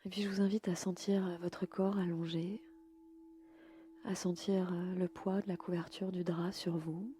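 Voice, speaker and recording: A woman leading a guided yoga nidra sleep meditation in a slow, soft and soothing way. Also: fairly low pitch, flat delivery, breathy edge, dry recording.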